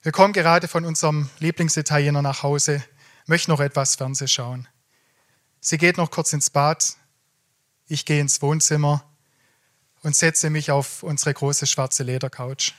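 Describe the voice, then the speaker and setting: A man narrating his own story slowly, with halting, stammering pauses. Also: on the high side, steady tone. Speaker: show participant.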